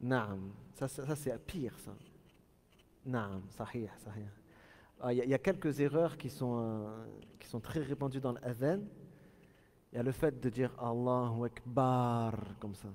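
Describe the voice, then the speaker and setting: Man, religious teacher, mellow voice, long reverberant space, repeats phrases slowly. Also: mid-range voice. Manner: explains by repeating and demonstrating Arabic phrases slowly. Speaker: Islamic teacher. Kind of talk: religious lesson.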